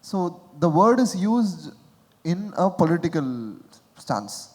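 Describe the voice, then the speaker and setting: Male contestant, fairly high voice, tentative casual guesses, echoey long reverb. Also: sing-song, slow pace, a little mellow. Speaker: quiz contestant.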